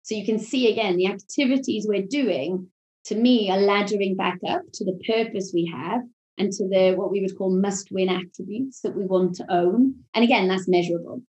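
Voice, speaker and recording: A woman's voice: medium pitch, darkish tone. Welsh woman explaining in an echoey room. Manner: measured, explanatory, corporate phrasing. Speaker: marketing executive guest. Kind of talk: business podcast interview.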